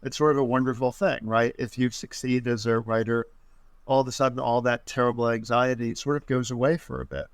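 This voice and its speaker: Author guest in his own voice: a man of middle pitch who rambles, restarts, and jokes at his own expense, recorded dry. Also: level tone, brisk, clean tone, dry recording. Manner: rambling, self-deprecating, restarts often. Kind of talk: casual interview chat.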